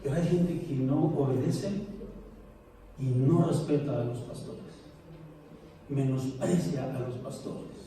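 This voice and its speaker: A middle-aged pastor with a Mexican accent preaches in a church sanctuary, his warm, medium-pitched voice slow and full of pauses. He tells funny stories and addresses his congregation directly, while the distant mic picks up the echoey hall and faint noise.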